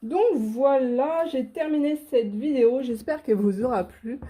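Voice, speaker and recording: A woman's voice: sits high, measured pace, dark tone. Chatty woman gushing over craft supplies. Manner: chatty and gushing, many fillers. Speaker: coloring channel host. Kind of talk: casual unboxing chat.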